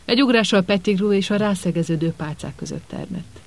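High-voiced man narrating an audiobook. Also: creaky, rough recording.

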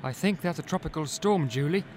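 A man voicing a calm, joking boy who reassures his sister on a flight. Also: a little high, a little fast, a little hiss or hum, pitched above the performer's own voice, natural voice.

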